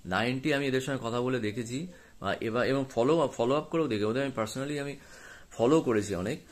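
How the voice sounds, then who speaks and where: Bengali man explaining, pausing often. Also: medium pitch. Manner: unscripted, with frequent pauses and fillers. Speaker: film director. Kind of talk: direct-to-camera explanation.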